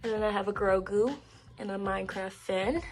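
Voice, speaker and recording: A woman giving a casual tour of her room, chatty and soft-spoken, a little out of breath. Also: mid-range voice, steady tone, moderate pace. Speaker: nail content creator.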